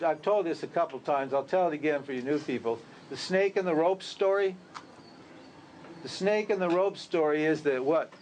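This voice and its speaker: High-voiced man giving a casual spiritual talk. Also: a little hiss or hum. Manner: conversational, rhetorical questions, laughs at his own lines. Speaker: spiritual teacher. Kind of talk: informal spiritual talk to a group.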